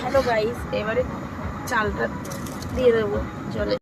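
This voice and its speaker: A hoarse woman, casually narrating her cooking step by step and greeting viewers often. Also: fairly high pitch, steady tone, normal speed, heavy background noise. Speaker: cooking vlogger.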